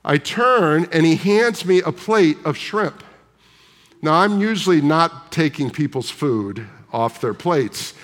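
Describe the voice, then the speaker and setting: A man's voice: a little high, fairly bright tone. A man preaching a sermon, telling a story in a conversational way and putting questions to the congregation. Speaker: pastor. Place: large church sanctuary. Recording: long hall reverb.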